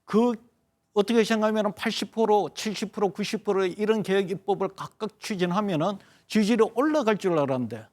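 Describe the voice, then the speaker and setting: A man's voice: high voice, fairly quick, darkish tone. A man speaking as a pollster on a television current-affairs panel, explaining survey figures in long, analytical turns.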